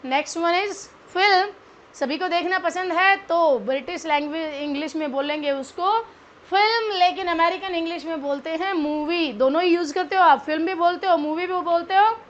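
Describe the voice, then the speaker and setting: High-voiced Indian woman teaching English. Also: muffled recording, a little hiss or hum. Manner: explains slowly, repeats words, mixes Hindi and English. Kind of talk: online language lesson.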